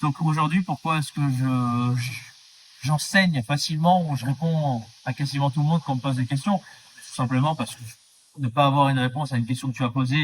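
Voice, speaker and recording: A man's voice: medium pitch, recorded from a distance, a little hiss or hum. A man from the Drôme who works as a baker, answering interview questions in an earnest, explanatory way. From France, Drôme. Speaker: baker, guest.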